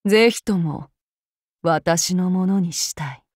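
In these game voice lines, an actress plays a demon-blooded samurai woman, archaic and courteous with a threatening undertone, whose soft formal words turn into shrill battle screams. She sounds menacing but polite, speaking slowly and slightly roughly in a dry, studio-quality recording.

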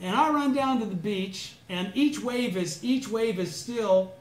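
The same kind of scene: a middle-aged man from Southern California shares a personal story with a small study group, reenacting his past words, occasionally with shouts or chants. Here his voice sits high and moves a little slowly, recorded in an echoey room with faint noise behind him.

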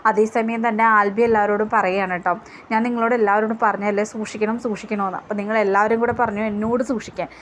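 A woman's voice: medium pitch, little pitch movement, quick pace, slight background noise. A woman casually recapping a TV serial episode in a chatty retelling style, quoting each character in her own voice. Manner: chatty retelling, often adds "kettoo" tags and quotes characters in her own voice.

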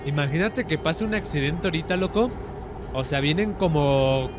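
A young man with a Mexican Spanish accent, casually commenting on a driving game with joking, excitable outbursts. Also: fairly high pitch, normal speed, over music. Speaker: streamer.

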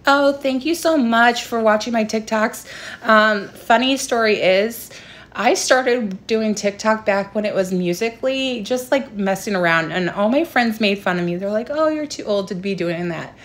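A woman's voice: fairly high pitch, unhurried, fairly bright tone. Chatty young woman on a casual livestream. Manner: chatty, informal, explanatory. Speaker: livestream host, craft seller. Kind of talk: casual livestream craft tutorial. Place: small room indoors at home. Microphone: phone propped at arm's length.

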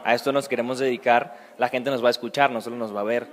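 A man's voice: medium pitch, fairly even intonation, fast talker, slight background noise. Young Venezuelan man, earnest. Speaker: acting student. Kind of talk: casual interview answers.

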